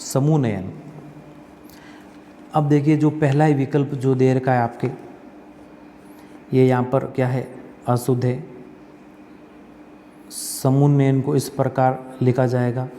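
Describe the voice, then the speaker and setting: A man teaching an exam-prep spelling lesson, asking and answering his own questions and repeating words slowly. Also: medium pitch, level tone, dark tone, big-room sound, slight background noise.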